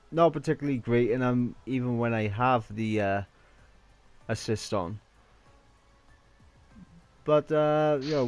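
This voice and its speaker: A man's voice: mid-range voice, a little mellow, smooth. A young Welsh man hosting a racing game video, chatting casually with a self-mocking, slangy manner. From Wales. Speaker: gaming channel host.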